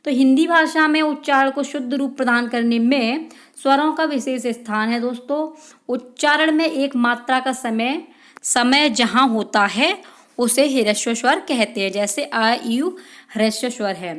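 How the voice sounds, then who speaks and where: Teacher woman, fairly high voice. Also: measured pace, a bit bright. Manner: reads out questions and answers them, calls viewers friends. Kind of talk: exam-prep lesson.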